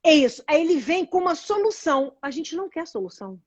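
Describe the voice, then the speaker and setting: A woman's voice: sits high, very animated, quick pace, no room sound, dull audio. A woman with a Brazilian Portuguese accent, hosting a casual live chat and earnestly explaining ideas while often restarting her phrases. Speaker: host explaining meditation and nonviolent communication.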